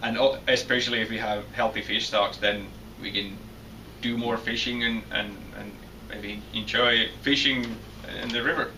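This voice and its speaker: A man's voice: fairly low pitch, level tone, moderate pace, pushed and bright. Hesitant Finnish-accented young man. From Finland. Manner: hesitant, many restarts and repeated words. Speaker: PhD student guest. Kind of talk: interview answers. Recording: distant mic with faint noise.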